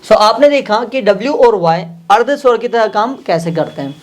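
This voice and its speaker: A man's voice: sits high, expressive, normal speed. A man teaching a language lesson, patiently repeating each phrase and word and asking his listeners questions he then answers himself. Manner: addresses listeners directly, asks and answers his own questions.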